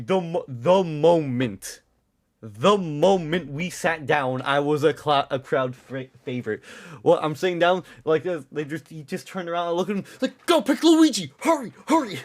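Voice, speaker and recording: Man, livestreamer, casual storytelling, rambling, swears a lot, self-mocking, slightly high voice. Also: moderate pace. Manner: rambling, profane, self-mocking, with frequent restarts. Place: at home.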